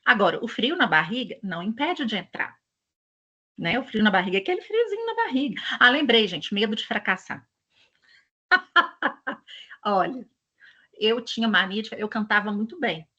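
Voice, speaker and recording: A woman's voice: fairly high pitch, big pitch swings, moderate pace, long pauses, bright, forceful tone, husky, lo-fi sound. A woman with a Brazilian Portuguese accent, presenting an education channel and talking casually to her audience in a chatty, digressive, storytelling way.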